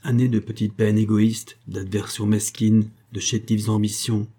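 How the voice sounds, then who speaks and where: Storybook role: male narrator doing a grave, bitter young officer, husky and low. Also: flat delivery, warm tone. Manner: grave, measured, growing harsh.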